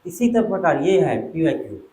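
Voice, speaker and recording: A man's voice: on the high side, big pitch swings, dark tone. A man teaching an exam coaching class, firing questions at his students. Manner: quizzes students, quick back-and-forth questions. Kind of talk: classroom lecture. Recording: echoey classroom.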